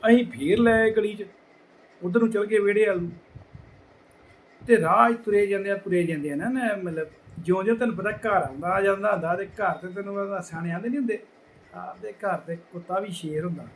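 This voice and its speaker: High-voiced Majhi Punjabi storyteller man. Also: brisk, a little hiss or hum, poor audio. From Punjab border region. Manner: lively, acts out quoted people, drops to hushed tones. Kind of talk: casual anecdote telling.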